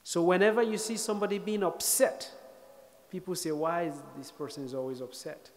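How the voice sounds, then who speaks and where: A man in his thirties from Sierra Leone, giving a speech as an invited speaker, telling a personal story with wry, self-deprecating humor and reflective pauses. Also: high-pitched, lively intonation. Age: 30s. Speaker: guest speaker. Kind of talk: storytelling lecture. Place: lecture hall stage.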